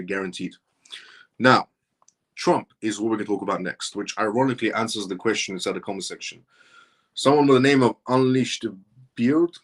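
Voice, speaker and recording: A man in his thirties hosting a live stream, answering viewer comments and making his points in an emphatic, repetitive, insistent way. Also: mid-range voice. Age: 30s. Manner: reads viewer comments aloud and answers them.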